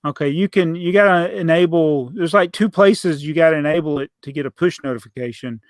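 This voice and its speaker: A man's voice: on the high side, a little fast, dry recording. A middle-aged man hosting a podcast, telling rambling stories in a casual chat and laughing often. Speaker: podcast host.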